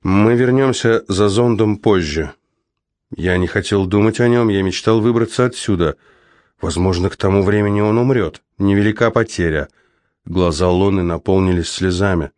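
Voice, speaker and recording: A low-voiced man reads a first-person fantasy audiobook in a measured, steady storytelling manner. The recording is close and dry, with no room sound around him. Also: no room sound. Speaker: audiobook narrator.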